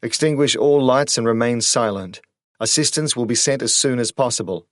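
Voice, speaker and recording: A man's voice: medium pitch, moderate pace, no echo, studio quality. A man voicing a flustered, panicking control-room announcer speaking over a car radio. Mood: tense scripted. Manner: flustered, breaking into near-hysterical pleading. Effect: car radio broadcast.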